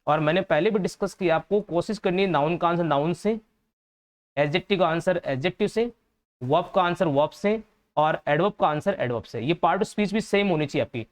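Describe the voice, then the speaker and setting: A man with a Hindi accent teaches English vocabulary to exam students, patiently explaining each answer and repeating the key words and their meanings. His voice is a little high and fairly quick.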